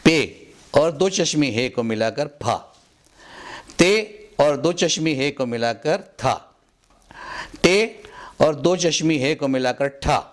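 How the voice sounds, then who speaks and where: A man teaching Urdu pronunciation, carefully repeating each word to drill the correct sound. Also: medium pitch. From India. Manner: deliberate, repeats words for drill. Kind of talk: slow instructional explanation. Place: Mumbai.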